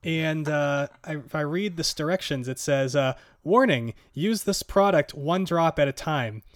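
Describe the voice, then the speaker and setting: A man with a fairly high-pitched voice hosts a podcast at an unhurried pace, gasping from the heat of hot sauce. The chat is casual, and he rambles with fillers and nervous laughs.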